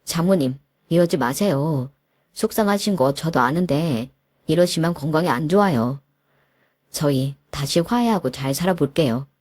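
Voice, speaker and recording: Wheedling, groveling husband acted by a woman narrator, lowish dry voice. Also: animated, moderate pace, a little mellow, no room sound. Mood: pleading. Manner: pleading, wheedling. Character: groveling two-faced husband.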